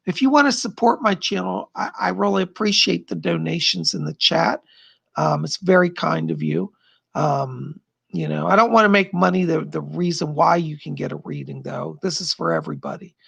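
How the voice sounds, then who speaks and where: Chatting from home on a live stream, a middle-aged man who works as a psychic host reads viewer comments, rambles and laughs a lot. His voice sits on the high side, gravelly and fairly bright with a breathy edge, at a moderate pace, strained and tired as it gives out. There's no echo.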